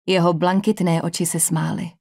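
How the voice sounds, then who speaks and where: A woman with a Czech accent reading a first-person novel aloud as an audiobook narrator, in an even, measured storytelling manner. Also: lowish voice, gravelly.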